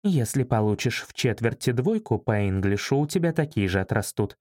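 A man reading an audiobook, voicing a sharp-tongued mother who brushes off her children. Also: mid-range voice, animated, moderate pace, no room sound, voice pushed down, close to an everyday voice. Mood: dismissive. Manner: dry, dismissive.

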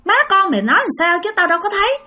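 A woman's voice: extremely high pitch, very animated, very fast, bright, forceful tone, voice pushed up, full character voice. A woman voicing a puzzled, impatient husband with a Southern Vietnamese accent, questioning in exasperation. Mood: exasperated.

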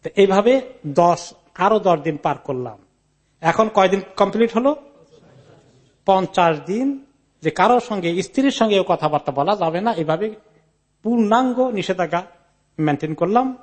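A man with a high voice delivers a Quran commentary lecture. He recites Arabic narration and explains each part. He retells the story in the first person and mixes English words into his speech. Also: animated, normal speed, long pauses.

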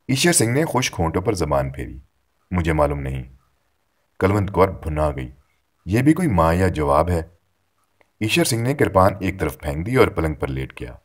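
A man narrating a short story in a measured, steady reading. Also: rumbling low.

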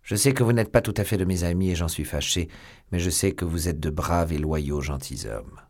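A man voicing a cold, powerful old cardinal who speaks low, hushed and measured in a storybook reading. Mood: cool, guarded.

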